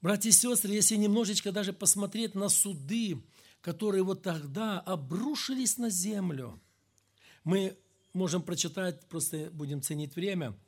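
A middle-aged man preaching a sermon, swinging between loud emphatic peaks and low quiet asides. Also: moderate pace. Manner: acts out quoted speech in a raised voice.

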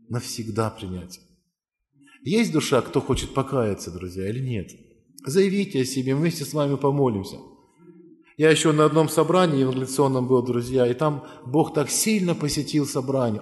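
A man's voice: medium pitch, darkish tone. Man preaching a sermon, earnest and pleading, tells stories then calls folks up, echoey church hall. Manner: earnest storytelling, pleading with listeners. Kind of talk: sermon with altar call. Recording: long hall reverb.

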